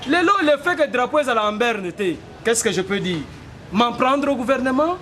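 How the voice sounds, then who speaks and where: This man in his forties has a very high, pushed, bright voice with lively intonation, and he speaks at a normal speed. In an earnest street interview mixing French and Lingala, he builds to emphatic rhetorical declarations. The setting is outdoors on a city street, and traffic noise fills the recording.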